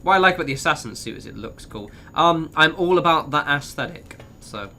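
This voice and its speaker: A man's voice: fairly high pitch, expressive, a little fast, bright, forceful tone, slight background noise. A man with a modern British Received Pronunciation accent, giving chatty, sweary, bantering commentary as he streams a game. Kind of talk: casual gameplay commentary.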